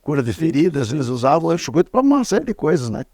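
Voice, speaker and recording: A man's voice: fairly high pitch, sing-song, fast, a little mellow, no echo, clean studio sound. A man hosting a cooking show, chatting casually, asking questions and adding trivia. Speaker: host.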